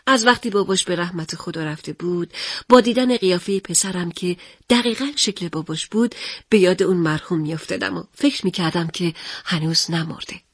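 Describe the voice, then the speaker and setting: Expressive woman telling a story. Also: mid-range voice, slightly rough, dry recording, clean studio sound. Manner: expressive, confiding with the listener. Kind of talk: first-person story narration.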